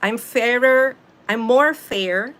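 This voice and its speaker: Chatting casually with viewers on a live stream, a Filipino woman in her late fifties laughs easily and answers the chat. Her voice is on the high side and a bit bright, and she speaks at a slow pace.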